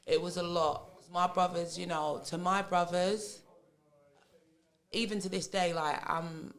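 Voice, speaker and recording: A woman's voice: fairly low pitch, fairly even intonation, unhurried, fairly bright tone. A woman in her thirties from England with a London accent, a podcast guest talking frankly and swearing freely in casual chat, laughing often. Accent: London English. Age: 30s.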